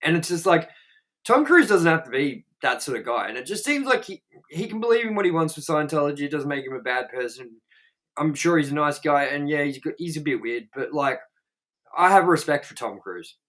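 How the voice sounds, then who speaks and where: A young man co-hosting a movie review show reads out trivia in casual chat, his voice fairly high, sing-song, a bit bright and a little fast. He rambles bluntly and profanely, stuffing his talk with "like."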